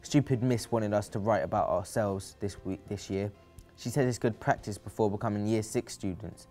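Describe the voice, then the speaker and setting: A man with a fairly low voice narrates a first-person story in a dry, teasing manner. Soft music plays faintly behind him. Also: moderate pace.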